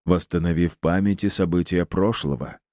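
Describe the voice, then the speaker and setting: A man narrating an audiobook in a measured, even reading style, close to the mic. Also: low voice, dry recording. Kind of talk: scripted narration.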